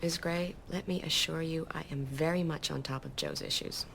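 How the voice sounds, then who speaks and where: An actress playing a self-assured woman child therapist who talks down in a measured, patronizing way. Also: low voice, fairly even intonation, creaky, fairly bright tone, slight background noise. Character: condescending woman psychologist, smooth and self-assured.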